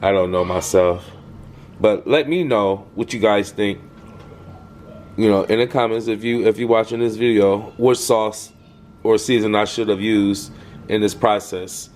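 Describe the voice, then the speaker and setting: In his home kitchen, a man with a lowish, darkish voice and fairly even intonation talks viewers through his cooking at a slightly slow pace. He rambles somewhat, repeats himself and asks the audience lots of questions. Music plays behind him, with a little hiss or hum on the track.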